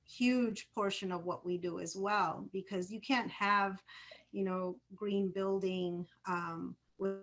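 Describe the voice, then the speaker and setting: A woman from Summit, Illinois, speaks as a guest on a panel over a video call, her sound glitching, skipping and dropping out. She talks earnestly, at an even pace and mid pitch, doubling back on her words as she goes. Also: slow. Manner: earnest, with repeated words and restarts. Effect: corrupted glitchy audio, cutting out and skipping. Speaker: panel guest, environmental nonprofit leader. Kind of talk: casual panel conversation.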